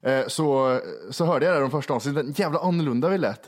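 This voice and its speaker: Joking Värmland man, podcast co-host. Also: a little high. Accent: Värmland Swedish. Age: 30s. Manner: joking, self-mocking, swears casually. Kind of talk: casual chat.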